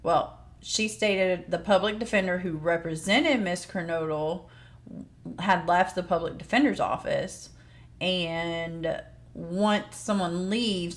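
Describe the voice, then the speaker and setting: A woman giving informal, plain-spoken commentary as she explains court news like a true crime host. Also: lowish voice.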